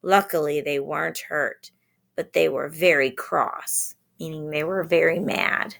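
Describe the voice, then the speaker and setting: A woman reads a children's storybook aloud, gently explaining words for little ones. Her voice is low-pitched with a gravelly fry, and she takes her time, unhurried. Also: steady tone.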